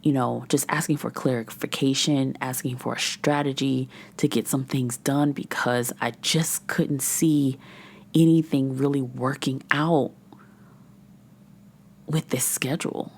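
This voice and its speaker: Very low, gravelly woman talking candidly. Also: fairly even intonation, a little slow. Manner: candid, rambling, often drops to a whisper. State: frustrated and overwhelmed. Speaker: podcast host and menopause coach. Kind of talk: candid solo podcast talk. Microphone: podcast microphone.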